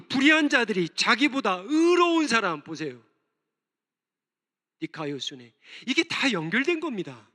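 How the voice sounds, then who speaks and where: Pastor, male, high bright voice preaching with passion in a church hall with long reverb. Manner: impassioned, voicing prayers aloud, rising and falling sharply. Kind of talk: sermon. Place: church sanctuary.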